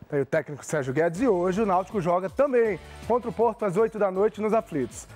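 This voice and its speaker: Brisk, high-pitched male TV sports presenter with a teasing manner. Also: a little mellow, soft background music. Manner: teasing, upbeat. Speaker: sports TV reporter. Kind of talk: lively sports feature presenting.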